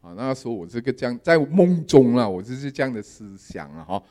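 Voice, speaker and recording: A man giving a sermon testimony, telling his dreams in a lively storytelling manner with English words mixed in. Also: mid-range voice, a little fast. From Malaysia. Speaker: lay preacher.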